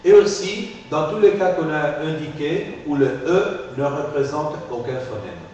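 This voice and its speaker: A man's voice: on the high side, expressive, unhurried, a little mellow, dull audio. A man teaching a phonetics class. He explains step by step and keeps checking in with "ok?". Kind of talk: classroom lecture. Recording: echoey classroom from far off, faint hiss.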